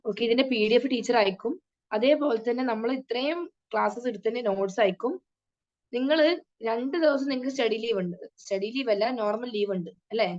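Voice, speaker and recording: A woman's voice: a little high, fast talker, darkish tone, dull audio. A woman tajweed teacher giving an online class to children, patiently sounding out syllables one at a time.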